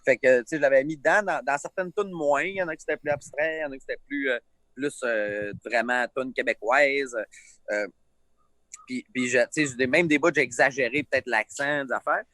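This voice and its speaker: Man, Lac-Saint-Jean Quebec accent, casual rambling storyteller, mid-pitched voice, dry sound. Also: brisk, bright, forceful tone, no echo. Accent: Lac-Saint-Jean Quebec French. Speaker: singer, interview guest. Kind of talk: casual chat. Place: outdoors.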